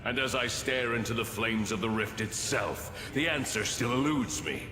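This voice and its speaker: A man's voice: mid-range voice, moderate pace, over music, lightly acted. A man playing a grave, devout crusader in a fantasy game, speaking in solemn, formal oratory. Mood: brooding, solemn. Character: grave, devout male crusader, brooding and earnest. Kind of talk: dramatic fantasy game acting. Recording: echoey hall with noisy ambience.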